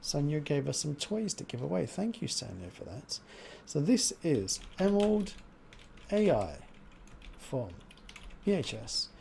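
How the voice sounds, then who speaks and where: A male livestream host chats casually in a mellow voice with very animated pitch. He has trouble with his R's, which sound like W's, and keeps up an informal, chatty style. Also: unhurried, vocal fry, slight background noise. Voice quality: cannot pronounce R's, says w for r.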